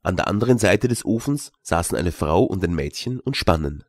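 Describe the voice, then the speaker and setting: A man narrating a classic audiobook tale in a measured storytelling manner, recorded in a studio. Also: low-pitched, lively intonation, a little mellow, no room sound. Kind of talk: scripted narration.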